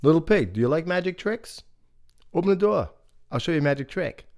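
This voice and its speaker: A sly big bad wolf, played by a man telling a folk tale aloud wheedles and coaxes with a quick, slippery patter. He pitches his voice a touch higher than an ordinary man's talk. The scheming never lets up. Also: expressive, darkish tone. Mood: coaxing. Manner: wheedling, coaxing, fast-talking.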